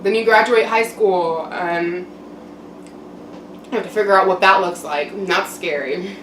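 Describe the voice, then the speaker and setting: A young adult woman giving a casual, candid personal monologue to camera in a reflective, halting way with frequent pauses. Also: lowish voice, a bit bright. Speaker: mukbang vlogger. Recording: roomy echo, distant mic, background noise.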